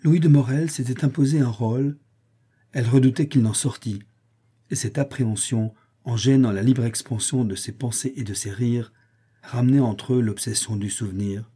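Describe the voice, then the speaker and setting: A man reading a classic French short story aloud in measured, phrase-by-phrase literary narration. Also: medium pitch, steady tone, warm tone, breathy edge. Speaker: audiobook reader. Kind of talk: scripted narration.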